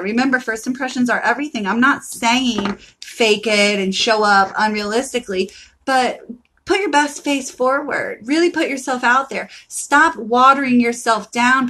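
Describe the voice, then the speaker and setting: A woman giving a live tarot reading in a casual, emphatic pep-talk style, swearing freely as she encourages listeners. Her voice sits a bit high for a woman. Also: sharp tone, poor audio. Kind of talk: casual live-stream chat.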